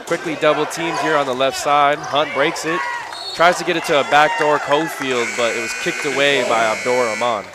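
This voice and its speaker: A man calling live college basketball play-by-play in brisk, clipped phrases that rise on big plays. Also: a little high, fairly even intonation. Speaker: play-by-play announcer. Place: college gym. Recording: loud crowd and gym noise.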